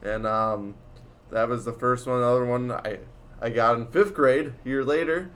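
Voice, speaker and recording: A man's voice: mid-range voice, normal speed, a bit bright. A teenage boy in casual chat, rambling through a story with lots of fillers and laughs. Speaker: student storyteller.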